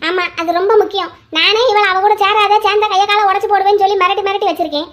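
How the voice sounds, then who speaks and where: Brief: a woman playing a nagging cartoon mom, high and rapid, gossipy. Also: fairly even intonation, a bit bright. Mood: complaining. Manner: complaining, gossipy. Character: nagging middle-aged cartoon mother, gossipy and strict.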